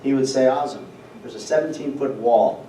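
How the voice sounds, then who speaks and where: A middle-aged man telling warm stories in a memorial speech, often repeating words and laughing as he talks. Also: mid-range voice, brisk. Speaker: eulogy speaker. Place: event hall. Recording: echoey hall from far off, noisy.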